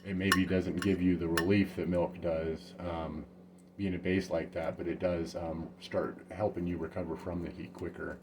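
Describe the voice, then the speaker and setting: Low-voiced man, easygoing home gardener. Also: moderate pace. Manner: easygoing, rambling, many fillers. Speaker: home gardener reviewing peppers. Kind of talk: casual tasting vlog. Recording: steady background noise.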